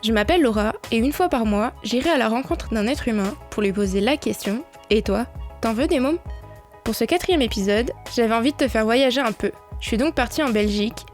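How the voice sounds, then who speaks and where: A woman with a fairly high voice reads her podcast's introduction, clear and direct. She addresses the listener personally, with faint music running underneath. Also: a little fast. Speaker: podcast host.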